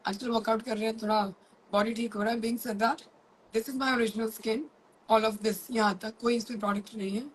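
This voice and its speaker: A middle-aged woman with an Indian accent, chatting live with her followers from a room at home, mixing Hindi and English with rushed asides. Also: fairly high pitch, steady tone, breathy edge, low-quality recording. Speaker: makeup artist and academy owner. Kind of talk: live-stream chat to followers.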